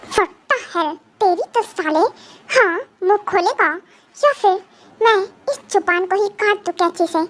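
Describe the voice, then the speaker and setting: A woman's voice: very high-pitched, animated, a little slow. A woman voicing a menacing young male psychopath gang boss in a fan dub drama, taunting and threatening.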